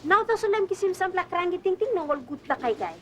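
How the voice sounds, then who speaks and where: A woman's voice: extremely high pitch, lively intonation, fast, a little hiss or hum. A woman playing an agreeable, plain-spoken character, speaking Papua New Guinea pidgin with a Papua New Guinean accent in acted dialogue. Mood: agreeing. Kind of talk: acted Tok Pisin dialogue.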